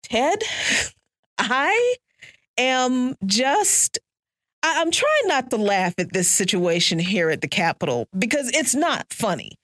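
A woman hosts a talk radio show from the studio, her voice sitting a little high. She talks in a lively, animated way and often breaks into laughter. The sound is close and dry. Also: slow pace, no echo. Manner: lively, laughs while talking. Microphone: studio microphone.

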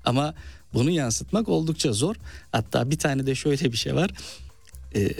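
Lively storytelling man, eastern accent. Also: medium pitch, normal speed, gravelly, husky, no room sound. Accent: eastern Turkish. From Malatya, eastern Turkey. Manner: animated storyteller, acts out quoted speech. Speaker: novelist and stage actor. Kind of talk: interview storytelling.

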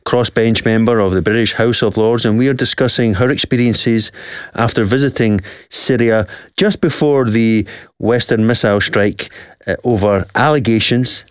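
A man's voice: mid-range voice, fairly even intonation, clear, resonant tone, dry recording, clean studio sound. A man hosting a radio interview show, talking earnestly and with emphasis. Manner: earnest, emphatic, reads quotes aloud slowly. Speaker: talk show host.

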